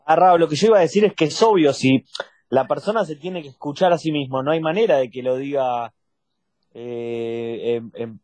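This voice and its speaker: A man with a Rioplatense Spanish accent joins an online class as a student. He talks casually and hesitantly, with a fairly high voice for a man. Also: normal speed, a little mellow, no room sound.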